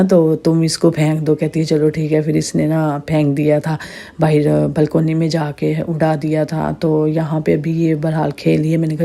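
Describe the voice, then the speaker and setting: A woman in her thirties with a sore, slightly hoarse throat, chatting through a casual vlog voice-over. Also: low voice, warm tone. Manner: chatty, rambling storytelling. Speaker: vlogger narrating her day.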